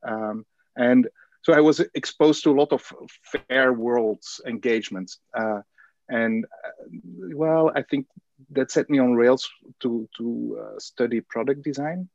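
Answering an interviewer's questions about how he grew up, this Belgian guest has a mid-range, somewhat dark voice and a measured pace. He is hesitant, filling his speech with fillers and restarting often. The sound is dull, lo-fi and dry, with no room ambience.

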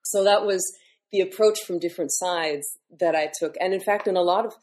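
A woman's voice: on the low side, fairly quick, a little mellow. A woman who is a classical singer, speaking as a guest in a podcast interview and explaining her work in a thoughtful way with many fillers.

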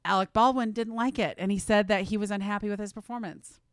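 Woman, podcast co-host, smooth clear voice, dry close sound, chatty, hiccuping. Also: mid-range voice, fast talker, dry recording. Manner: chatty, animated, swears casually. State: has the hiccups. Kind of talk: casual movie podcast chat.

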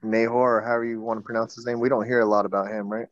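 A man's voice: lowish voice, little pitch movement, rapid-fire, no echo, highs cut off. A man in casual Bible study talk, asking questions and explaining the land. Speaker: study group member.

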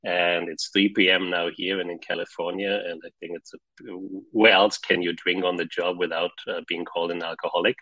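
A man's voice: deep voice, flat delivery, brisk, pushed and bright, no echo, low-quality recording. A middle-aged man who grew up in Germany, not a native English speaker, chatting casually as an interview guest, often repeating words as he rambles along. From born in Czech Republic, grew up in Germany. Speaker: guest, spirits brand founder.

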